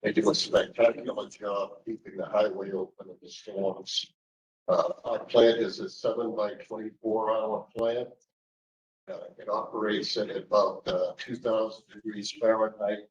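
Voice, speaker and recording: A man with a Boston accent speaks at a public meeting, picked up from a distance in an echoey room. His voice sits a little low, and he lays out his comments in a plain, matter-of-fact way. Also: flat delivery, moderate pace, highs cut off.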